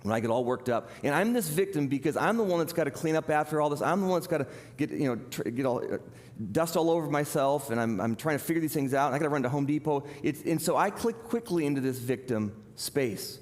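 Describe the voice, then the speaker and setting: A man's voice: on the high side, animated, quick pace, darkish tone. A middle-aged man preaching a sermon as a pastor, talking in a conversational, self-deprecating storytelling way. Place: church hall. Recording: long reverb of a large hall.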